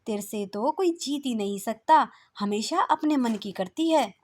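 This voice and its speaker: A woman's voice: on the high side, expressive, a little slow, voice pushed up. A woman voicing a fond but exasperated mother.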